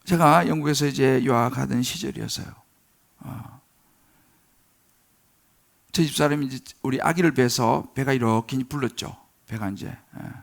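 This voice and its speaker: Gravelly middle-aged pastor preaching emphatically. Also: male voice. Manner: swells loud and high on key words, drawn out; storytelling asides with fillers and tag questions. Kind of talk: sermon.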